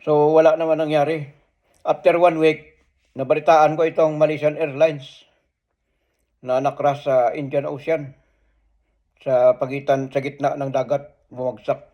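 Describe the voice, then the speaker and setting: A man's voice: a little high, flat delivery. Earnest man telling his dream stories. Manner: earnest, halting, many restarts and pauses. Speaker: storyteller recounting prophetic dreams. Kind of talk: casual first-person storytelling. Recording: dull lo-fi sound.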